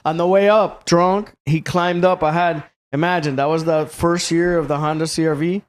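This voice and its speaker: A man spins a rowdy anecdote on a podcast, cursing and laughing as he goes. His voice sits a little high. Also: steady tone, normal speed. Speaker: podcast host. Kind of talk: casual storytelling chat.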